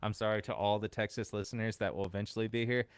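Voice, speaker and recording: A man hosting a podcast, telling a story in relaxed casual chat and laughing often. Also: lowish voice, fast talker, clear, resonant tone, no room sound, clean studio sound. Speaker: podcast host.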